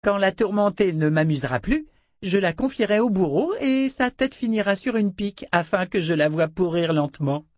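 A man voicing a cruel, taunting little princess, high and shrill. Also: expressive, moderate pace, darkish tone, dry recording, studio quality. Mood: gloating. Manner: taunting, gloating.

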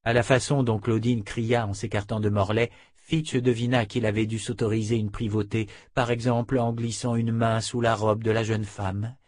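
A man narrating a novel in a steady, measured reading voice. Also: on the low side, no echo, studio quality. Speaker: audiobook narrator. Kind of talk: scripted narration.

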